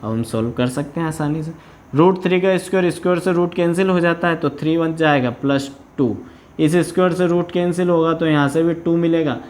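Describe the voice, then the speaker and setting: A man's voice: fairly high pitch, fairly quick, darkish tone. A man from India teaching maths in a video lesson, working through problems step by step and often checking that students follow. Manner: patient, repeats "है ना" to check understanding.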